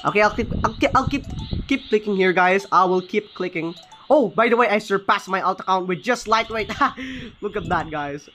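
Excited young-sounding gaming host. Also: male voice, high-pitched, normal speed, slight background noise. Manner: excited, often corrects himself mid-sentence. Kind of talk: casual gameplay commentary.

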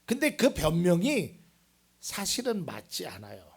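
A middle-aged male pastor delivers a church sermon in a high, animated voice with a gravelly, raspy edge. He speaks in an easy, storytelling way, then builds to loud, emphatic preaching. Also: unhurried. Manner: starts with a homely story, then preaches louder and more emphatic. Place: church sanctuary.

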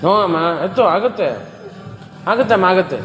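A man's voice: high voice, a little fast, fairly bright tone. A man coaching a client through a gym workout, counting reps and coaxing her on. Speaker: gym trainer. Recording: echoey room with music behind.

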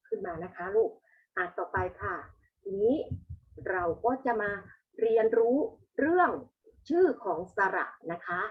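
A woman's voice: fairly high pitch, sing-song, narrow, tinny audio. A woman teaching young pupils, patiently reciting the alphabet and having them repeat each letter. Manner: slow, patient, calls the pupils "ลูก". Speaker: primary school teacher.

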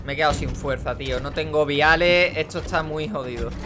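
A young adult man, giving energetic, casual let's play commentary and swearing in frustration as he plays. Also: a little high, brisk, loud music behind the voice. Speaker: gaming channel host.

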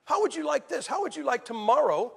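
A man preaching a sermon, telling stories with acted quotes and swinging from loud to hushed. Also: very high voice, sing-song, a little fast, gravelly. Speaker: evangelist preacher. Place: church. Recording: hall reverb.

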